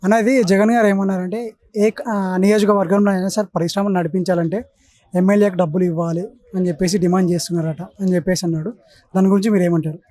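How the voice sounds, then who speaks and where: A man's voice: high voice, steady tone, quick pace, mellow, no echo. A man working as a street reporter who asks brief, polite questions to prompt his interviewee.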